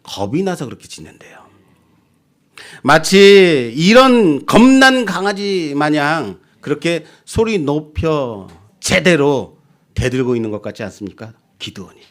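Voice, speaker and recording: A middle-aged male pastor preaching a sermon in a church, lively and humorous, acting out quotes as he goes. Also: a little high, measured pace. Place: church sanctuary.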